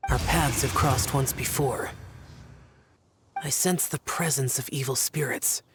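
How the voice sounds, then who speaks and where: A man's voice: medium pitch, measured pace, fairly bright tone, natural voice. Man acting a solemn young immortal warrior, aloof. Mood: grave. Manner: terse, formal, grave. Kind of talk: video game voice acting. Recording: game music behind.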